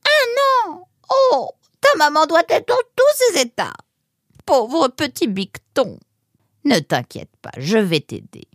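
A woman voicing a large, sly, motherly female fox in an audiobook, talking in a slow, coaxing way. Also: mid-range voice, sing-song, breathy edge, no echo, clean studio sound, exaggerated voice. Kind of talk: audiobook character voice.

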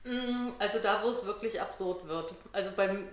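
Female co-host, mid-pitched, wry and playful explainer in relaxed chat, recorded in a roomy, echoing space. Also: normal speed. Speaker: podcast co-host. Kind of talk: casual humorous chat, explaining terms. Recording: roomy, echoing room sound.

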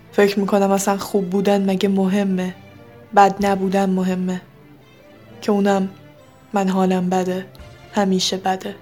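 A woman reading a first-person story in a steady, subdued storytelling voice. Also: medium pitch.

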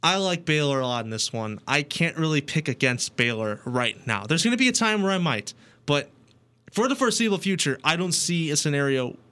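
A man hosts a casual sports podcast, steering from one matchup to the next and poking fun at his co-hosts. His voice sits a little high and sounds bright and forceful. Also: expressive, fairly quick, smooth. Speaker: podcast host.

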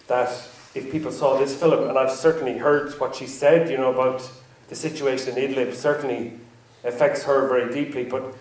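In a screening hall full of people, the host of a panel following the film speaks in a hesitant, meandering way and keeps repeating himself. His medium-pitched voice is flat and darkish, moving at a moderate pace with few pauses. A distant mic in the roomy hall catches faint ambience.

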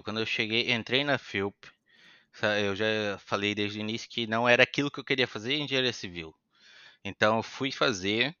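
A young Brazilian man guests on a podcast, telling stories casually in an interview, animated and chatty, acting out quoted voices. His Brazilian Portuguese accent has some European Portuguese influence, and his voice sits on the low side yet sounds bright and crisp. The audio is dry and slightly dull lo-fi.

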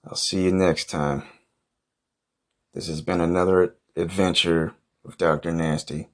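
Low-voiced male comic, improvised monologue, swears constantly and grumbles in exasperation. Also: flat delivery, measured pace. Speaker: comedy podcast host.

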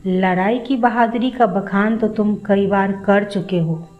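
A woman's voice: mid-range voice, unhurried, narrow, tinny audio, faint music behind, close to an everyday voice. A woman voicing a curious young boy who keeps asking an old man for stories. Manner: eager questioning.

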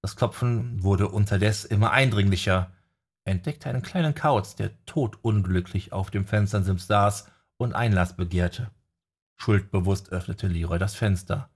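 Brief: male audiobook narrator, low, breathy tone, calm. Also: moderate pace. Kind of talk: scripted narration.

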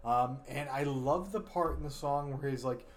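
A man's voice: mid-range voice, normal speed, slight background noise. Tired, laid-back man hosting a podcast. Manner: laid-back, swears often, hums and sings snippets. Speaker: podcast host. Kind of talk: casual chat.

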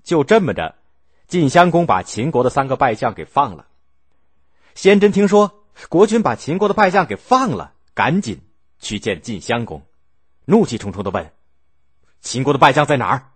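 Guy narrating a history story, husky voice, pitch jumps all over, dry sound. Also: normal speed, dry recording. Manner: lively, expressive, acting out the story.

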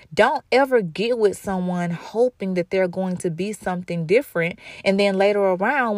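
Woman host, 30s, candid and emphatic talk-show monologue, mid-pitched voice, dry close sound. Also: no room sound. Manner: candid and emphatic, repeats phrases for stress. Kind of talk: casual monologue.

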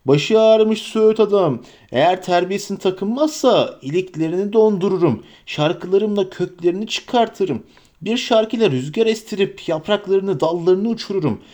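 A jolly old forest man full of bounce, as a narrator puts him on, his voice climbing high and ringing loud. He booms out in a sing-song, exuberant way, commanding and merry at once. Audiobook character voicing. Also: moderate pace, natural voice. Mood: boisterous.

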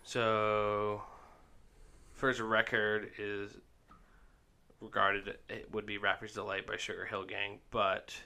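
A man co-hosting a laid-back podcast, talking in a bright, slightly low voice. He rambles and halts, circling back with fillers and restarts as he works through his thoughts. It is an easy, unscripted chat. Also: completely flat delivery, slow pace, gravelly, long pauses, clean tone. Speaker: podcast co-host. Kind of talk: casual chat. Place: indoor basement room.

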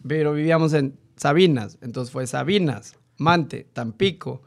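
A man's voice: fairly high pitch, measured pace. A man in his thirties with a Mexican Spanish accent, a podcast guest chatting casually and telling stories full of slang and asides. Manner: joking, storytelling with slang and asides. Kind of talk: casual chat.

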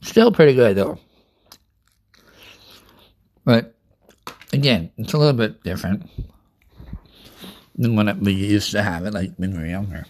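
A man's voice: fairly low pitch, measured pace, pauses often. A young man rambling casually through a food review vlog, chatting and eating as he talks. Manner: rambling, chatty, eats while talking. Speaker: vlogger.

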